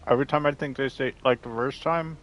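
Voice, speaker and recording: A young man casually chatting and swearing while streaming a game, eating as he talks. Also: mid-range voice. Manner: rambling, swears freely, talks with mouth full. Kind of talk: casual livestream chat.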